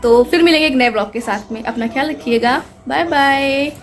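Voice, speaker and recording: A woman's voice: high voice, normal speed, slight background noise. A young woman vlogging casually about her family, playful and chatty with a small child.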